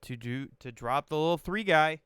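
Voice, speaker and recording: A man with a smooth, clear voice, a touch higher than most, banters playfully while calling a card game match. His voice sounds dry and close, with no room around it. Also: expressive, moderate pace, fairly bright tone, no room sound. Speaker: tournament co-commentator. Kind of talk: casual joking commentary.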